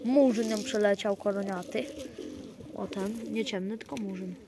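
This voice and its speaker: A man's voice: high-pitched, moderate pace, very noisy. Rambling man outdoors among cooing pigeons. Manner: rambling, frequent fillers and restarts. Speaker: pigeon keeper. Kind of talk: casual vlog narration to viewers.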